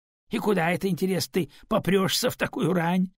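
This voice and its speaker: Man doing a grumbling old grandmother, over 60, sarcastic, raised husky pitch, dry. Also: a little fast, no echo. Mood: scolding. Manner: scolding, sarcastic.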